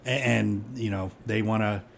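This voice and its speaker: A man's voice: fairly low pitch, steady tone, moderate pace, vocal fry. A middle-aged man, a police chief, chatting casually and rambling with many fillers and restarts. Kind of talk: casual conversation.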